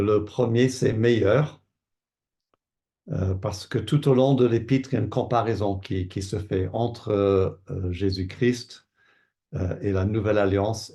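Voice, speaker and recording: An older man from Canada answers interview questions at a slow, careful pace. His low voice is gravelly and mellow, and he often pauses and repeats words as he thinks. He sounds like a pastor and teacher. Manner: thoughtful, hesitant with many fillers and repeated words.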